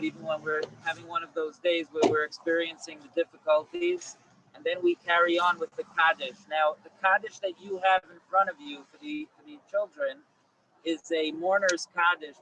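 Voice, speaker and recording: A man's voice: fairly high pitch, a bit bright. A man officiating a funeral service outdoors, speaking and praying in a solemn graveside manner. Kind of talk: funeral service address and chanted Hebrew prayer. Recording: noisy outdoor graveside recording.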